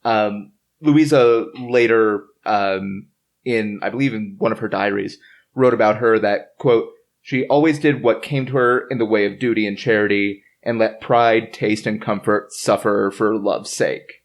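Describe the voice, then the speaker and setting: Sitting with a group around a table in person, a male podcast host reads from his notes in a lowish voice with fairly even intonation and a measured pace. The chat is casual and informative, broken up by wry jokes.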